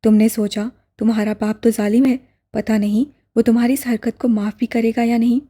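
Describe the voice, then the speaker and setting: A woman's voice: on the high side, level tone, normal speed, mellow, natural voice. A woman voicing a stern middle-aged father who scolds his son sharply. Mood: scolding. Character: stern aging father, angry then softening.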